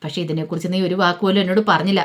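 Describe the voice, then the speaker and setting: A woman voicing an insistent, pleading husband in a fast-told spoken story recap. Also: fairly low pitch, steady tone, lightly acted. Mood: pressing. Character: Vikram, a man questioning his wife.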